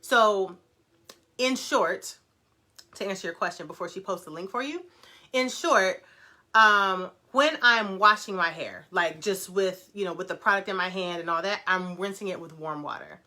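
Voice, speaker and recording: A middle-aged woman hosts a casual live stream, her voice bright and clear. She talks quickly and with excitement, reading viewers' questions aloud and answering each one warmly. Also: medium pitch. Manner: fast-talking, excited, reads viewer comments aloud. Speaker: brand owner hosting a live stream.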